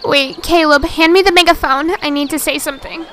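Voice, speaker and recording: A woman's voice: sits high, a little fast, a little hiss or hum. A woman playing a chatty young friend in an amateur comedy drama, telling things casually and checking that listeners follow. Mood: chatty, urgent. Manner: animated, casual, seeks confirmation often.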